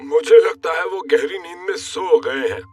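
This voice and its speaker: A man voicing a genial, indulgent old grandfather pig in a children's cartoon, expressive and good-natured. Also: on the high side, moderate pace, husky, recorded from a distance. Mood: curious, easygoing. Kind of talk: children's cartoon dub in Hindi.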